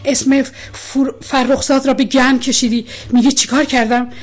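A woman's voice: high voice, flat delivery. A woman voicing an angry, stern older male colonel who scolds his daughter in a storybook reading. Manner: shouting, scolding.

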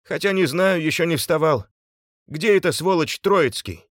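A man's voice: a little high, animated, normal speed, no echo, clean studio sound, pitched above the performer's own voice, lightly acted. A man voicing an injured, enraged man who groans, hisses and threatens in a strained, raised voice. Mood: pained anger.

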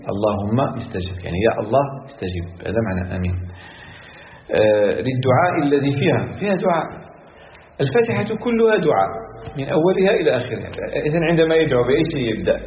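Fast-talking male Quran teacher, echoey hall. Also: medium pitch, slight background noise. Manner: explanatory, repeats key phrases. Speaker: Islamic scholar teaching Quran exegesis. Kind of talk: religious lesson. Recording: echoey hall on a tinny lo-fi line.

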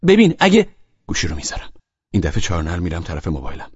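Man reading first-person story, husky. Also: very deep voice, steady tone, no echo, dull audio. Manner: intimate, shifting to hushed whispers. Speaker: audiobook narrator.

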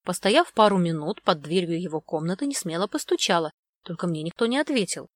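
A woman reading a first-person story aloud with steady storytelling. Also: on the low side, fairly quick, no room sound, studio quality. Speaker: audiobook reader.

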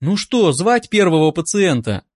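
A man voicing a brisk young female nurse with a practical manner. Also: on the high side, sing-song, no room sound, clean studio sound.

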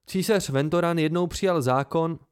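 A man's voice: on the high side, clear, resonant tone, pitched above the performer's own voice, natural voice. A man voicing an eager young male student offering answers.

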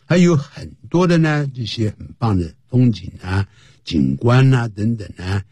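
A man's voice: medium pitch, sing-song, a little slow, warm tone, slightly rough, no room sound. A man teaching English phrases in a radio lesson, explaining each one and spelling words out letter by letter.

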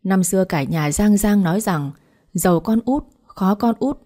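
A woman's voice: mid-range voice, expressive, normal speed, warm tone, lightly acted. A woman voicing an aggrieved middle-aged village wife who protests in a wailing, indignant way.

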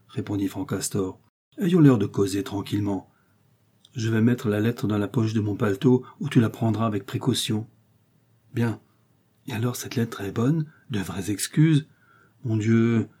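A man's voice: lowish voice, unhurried, dark tone, husky. A man voicing a sly young male friend who talks in a hedging, conspiratorial way.

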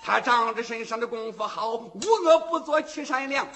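Brief: a male storyteller doing a loud, defiant young warrior, high and ringing. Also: animated, moderate pace, faint music behind. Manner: booming challenge in rhymed verse. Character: brash towering young hero, loud and defiant.

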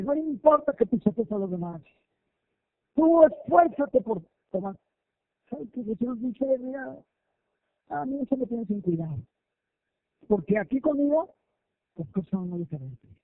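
A male pastor, preaching a lively sermon, acting out quoted voices and asking listeners questions. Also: high-pitched, unhurried, long pauses, no room sound. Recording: tinny phone-like, dry sound.

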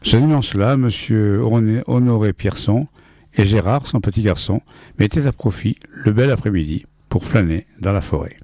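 A man's voice: fairly low pitch, normal speed, warm tone, dry recording, clean studio sound. A man reading a short story aloud, with a rhythmic, playful delivery that leans into wordplay.

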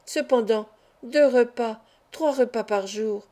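A woman's voice: a little high, slow pace, warm tone. A woman reading an audiobook, voicing a cheerful young male acrobat with a chatty, showman-like patter. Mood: playful.

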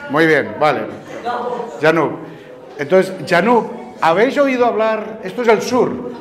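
A man's voice: high voice, a little slow. A man with a Canarian Spanish accent, teaching a group of listeners and quizzing them with patient questions. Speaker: teacher giving a talk to students. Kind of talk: classroom talk on word origins. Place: large room with an audience. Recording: lively audience noise around the speaker. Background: crowd of listeners.

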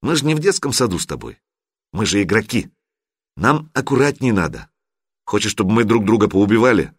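A cocky young man teases and jokes in a lively, easygoing voice, as a male reader puts him on. His voice sits fairly low and moves a lot in pitch. The sound is dry and close. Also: fairly quick, breathy edge, no echo, exaggerated voice. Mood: soft pleading.

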